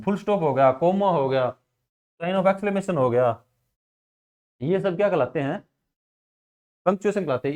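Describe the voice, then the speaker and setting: A man's voice: high voice, darkish tone. A man with a Haryanvi Hindi accent teaching a school class, asking questions and then answering them himself. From India. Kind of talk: classroom grammar lesson.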